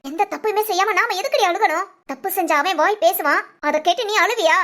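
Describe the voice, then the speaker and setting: A woman's voice: very high voice, a little fast, a bit bright. A woman voicing a bossy, protective young friend in a cartoon, talking in a firm, scolding way. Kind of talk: cartoon voice acting.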